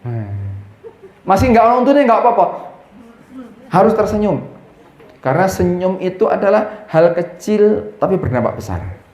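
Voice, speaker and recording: Animated preacher in an echoey hall. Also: male voice, sits high, moderate pace, long pauses. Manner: animated, mixing in Javanese words, acting out prayers. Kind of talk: religious talk to a gathering.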